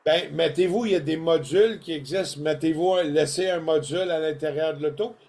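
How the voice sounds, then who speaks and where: An older man with a Québécois French accent co-hosts a podcast, presenting products in a folksy, animated storytelling style sprinkled with colloquial asides. His voice is a little high and fairly quick, and the chat is casual.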